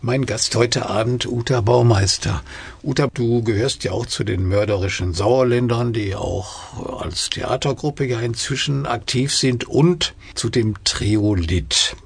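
A male radio host introduces a guest with a gravelly, husky voice. The sound is dry and close. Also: medium pitch, dry recording. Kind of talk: interviewing a guest.

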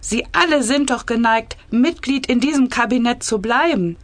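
A woman's voice: a little high, normal speed, no echo, pitched above the performer's own voice, natural voice. A woman reading aloud as a calculating male vice chancellor who speaks firmly. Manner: firm, emphatic.

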